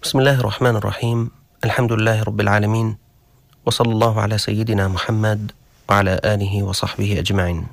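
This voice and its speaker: A man hosting a story show, narrating a cautionary tale slowly and deliberately, with dramatic pauses. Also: fairly low pitch, little pitch movement, vocal fry, no echo. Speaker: storyteller host.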